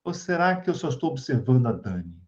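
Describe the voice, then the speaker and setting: A man with a Brazilian accent leads a spiritist study group on a video call, giving an informal, chatty spiritual talk and checking in with listeners through tag questions. He speaks quickly at medium pitch in a sing-song, slightly mellow voice, and the recording is muffled.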